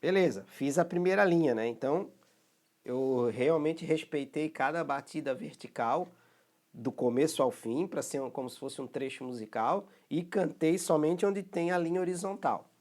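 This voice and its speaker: A man's voice: a little high, normal speed, darkish tone. A man with a Brazilian Portuguese accent teaching a recorded rhythm lesson, explaining patiently and often checking that students follow. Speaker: music teacher.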